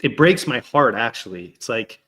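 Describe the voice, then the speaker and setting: School leader on a podcast, bright and forceful tone, mid pitch, thinking aloud. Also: male voice, expressive, moderate pace. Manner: thoughtful, many fillers and restarts. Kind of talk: casual reflective chat.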